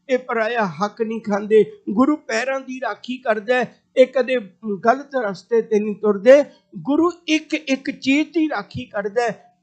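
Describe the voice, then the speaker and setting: Man, sermon, storytelling, high pitched voice, chanted scripture lines. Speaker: preacher. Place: gurdwara congregation.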